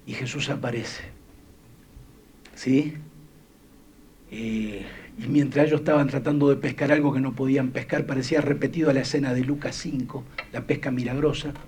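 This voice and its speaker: A man's voice: medium pitch, darkish tone, slightly rough. A man from Argentina with a Rioplatense Spanish accent preaching a sermon to his church, building in intensity as he quotes scripture. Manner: preaches with rising intensity, quoting scripture in a lifted voice. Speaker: pastor. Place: church hall.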